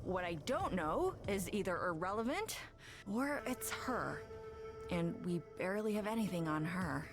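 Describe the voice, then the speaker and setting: A woman voicing a cool-headed woman weighing up intel, in calm, measured game dialogue. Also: on the low side. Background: game music.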